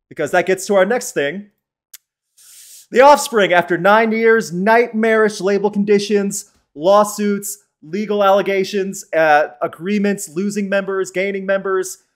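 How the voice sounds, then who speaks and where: A man hosting a live-streamed podcast, talking in a chatty, opinionated way and answering the chat as he goes. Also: high-pitched. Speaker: podcast host.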